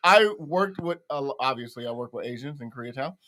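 A man co-hosting a podcast talks in a slangy, joking way. His voice swings up and down with lively movement. The tone is bright. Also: medium pitch, fairly quick. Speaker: podcast co-host. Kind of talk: casual chat.

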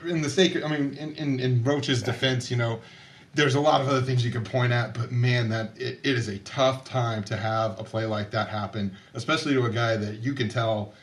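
Male podcast co-host, sports writer, casual and halting delivery. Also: mid-range voice, steady tone. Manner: hesitant, many restarts.

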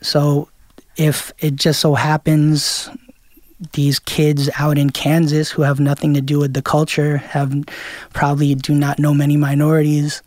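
A man's voice: fairly high pitch, a little mellow, dry recording, studio quality. A man from Queens, a DJ guest talking loosely in an interview, full of fillers and restarts. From Queens, New York. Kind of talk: casual interview chat.

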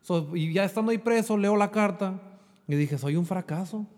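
A Mexican man recounts his own story in earnest, slipping English fillers into his Spanish. His voice sits somewhat high. The recording carries a long, hall-like reverb. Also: moderate pace, darkish tone. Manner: earnest, repeats "bro" and mixes in English fillers. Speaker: guest sharing a faith testimony. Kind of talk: emotional personal testimony.

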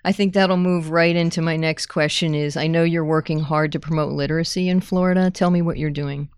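An interviewer asking questions and reacting with warm, encouraging remarks. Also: mid-range voice, fairly even intonation, fairly quick, smooth, no room sound.

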